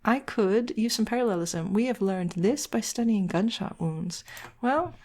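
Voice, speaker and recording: A writing teacher leads an editing lesson, working through a text step by step and posing questions aloud that she then answers herself. Her mid-range voice is animated and darkish, her pace unhurried.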